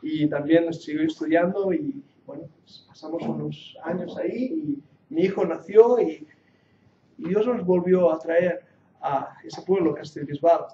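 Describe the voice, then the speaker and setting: This is a sermon-like classroom lecture by a Bible teacher in his forties from Catalonia, Spain, his speech a mix of Catalan-accented Spanish and English. His voice is a little high and dark, his pace measured, as he moves from earnest joking to emphatic preaching. The muffled, echoey hall recording, made on a handheld or lapel mic, has slight background noise.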